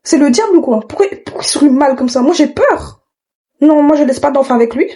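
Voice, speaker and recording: Woman, cartoon reaction video, mellow voice, slightly high, slangy jokes. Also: animated, brisk. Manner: joking, slangy, outspoken. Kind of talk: casual reaction commentary.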